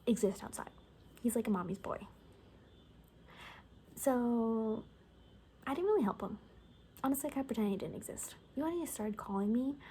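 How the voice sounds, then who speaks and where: A woman performs a breathy, soft-spoken ASMR roleplay, portraying a cocky, gossipy survivor of the apocalypse who rambles casually and often slips into a whisper. Her voice is on the high side, and there's slight background noise.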